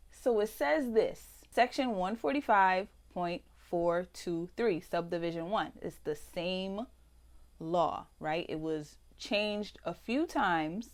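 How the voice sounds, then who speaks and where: A woman hosting an exposé-style commentary, reading documents aloud and remarking on them in a pointed, sarcastic, emphatic way. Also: medium pitch. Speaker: host of a political commentary video.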